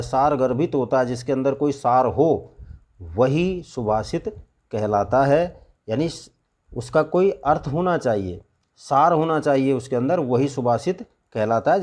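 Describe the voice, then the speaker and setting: A male school teacher giving a lesson, reading Sanskrit phrases aloud and explaining each one slowly to his students. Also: mid-range voice, darkish tone. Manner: addresses students as children, repeats "ठीक है". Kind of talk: classroom lesson explaining Sanskrit verses in Hindi.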